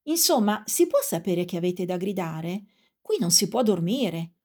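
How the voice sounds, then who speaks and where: A woman voicing an irritable gentleman yelling from a first-floor window after being woken. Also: medium pitch, normal speed, vocal fry, husky. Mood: annoyed. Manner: irritable, loud.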